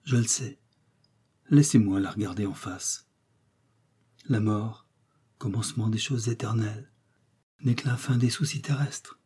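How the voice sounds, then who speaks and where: A gentle, pious missionary at death's door, as a man reads him aloud, his voice faint and halting. The tone is dark and mellow, with a husky edge. He speaks as a figure in a storybook reading. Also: lowish voice. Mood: weak, resigned. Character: dying old male missionary, gentle and pious.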